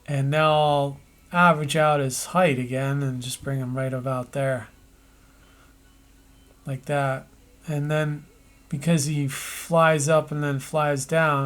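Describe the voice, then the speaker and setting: A man narrating an animation tutorial, thinking aloud as he works, with pauses and restarts. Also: fairly high pitch, little pitch movement.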